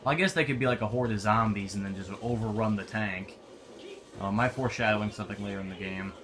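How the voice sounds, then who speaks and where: A man's voice: lowish voice, quick pace, a bit bright. A young man giving casual, offhand commentary while playing a war video game. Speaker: gameplay commentator. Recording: noisy game audio behind.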